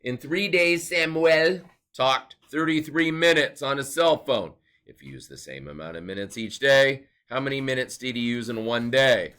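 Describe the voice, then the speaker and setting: A man's voice: mid-range voice, moderate pace, a bit bright, clear, resonant tone. A male teacher giving a recorded math lesson, explaining step by step and asking and answering his own questions.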